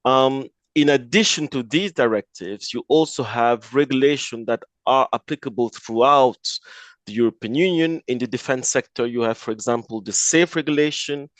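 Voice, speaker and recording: A man with a French accent, a native French speaker, giving a measured webinar presentation as a lawyer, with occasional fillers. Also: mid-range voice, no room sound. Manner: measured, slightly hesitant with fillers.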